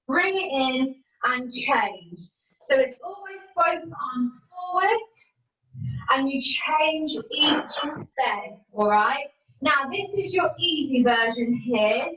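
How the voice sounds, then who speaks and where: A woman's voice: high-pitched, a bit bright. A young woman teaching a live exercise class from home over a video call, encouraging and cueing each move step by step. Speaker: fitness instructor. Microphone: video call from a laptop or phone camera. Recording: roomy video call audio from a distance.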